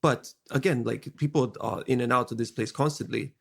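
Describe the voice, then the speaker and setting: A man's voice: medium pitch, moderate pace, creaky. A man chatting and improvising casually as a player in a tabletop role-playing game.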